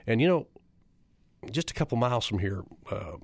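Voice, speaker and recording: A middle-aged American chiropractor gives a public talk, repeating figures for emphasis and firing rhetorical questions at the audience. His medium-pitched voice is animated, creaky, and a little mellow, at a moderate pace.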